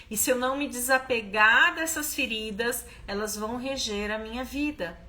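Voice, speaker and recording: Brazilian woman, live-stream host and therapist, emphatic and animated, a touch high-pitched. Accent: Brazilian Portuguese. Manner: expressive, emphatic, repeats questions to stress them.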